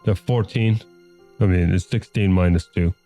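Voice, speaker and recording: A man with a fairly low voice plays a tabletop game, describing his character's moves in a casual, easy way. Faint music plays behind him. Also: steady tone, moderate pace, mellow. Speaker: player. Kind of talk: tabletop role-play.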